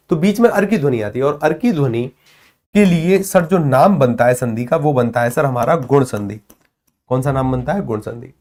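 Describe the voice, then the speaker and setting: A man's voice: on the high side, a little mellow. A man teaching a grammar lesson to camera at a board. He talks playfully and teases the viewers, and he keeps checking that they follow.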